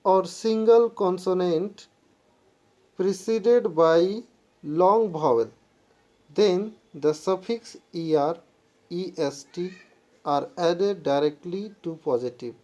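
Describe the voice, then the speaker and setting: A woman's voice: on the low side, warm tone. A woman teaching English grammar in a lesson, mixing Hindi and English and spelling words out letter by letter. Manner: slow, halting delivery when reading English rules. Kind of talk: classroom-style lesson explanation.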